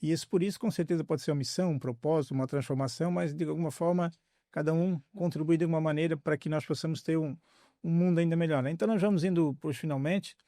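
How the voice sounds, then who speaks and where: A man hosts a podcast interview, searching for words with many fillers. His voice sits a little high and gravelly. The recording is dry and close. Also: fairly even intonation, quick pace, no room sound. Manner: warm, hesitant questioning with many fillers. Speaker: podcast host.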